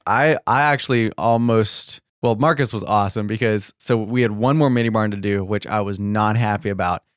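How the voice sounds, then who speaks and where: A man's voice: on the low side, normal speed, clear, resonant tone, no room sound, clean studio sound. A young man co-hosting a podcast, telling a long story in a rambling, casual way, laughing often and saying "like" a lot. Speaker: podcast co-host.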